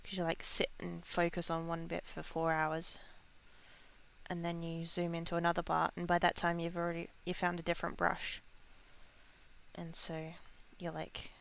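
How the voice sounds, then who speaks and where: A woman's voice: fairly low pitch, monotone, moderate pace, gravelly. A woman with an Australian accent chatting casually while drawing on a live stream, playful and full of silly sound words. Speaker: art streamer.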